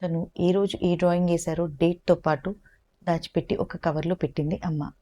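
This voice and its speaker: A woman telling a calm, gentle story for parents and ending with advice. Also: on the low side, moderate pace.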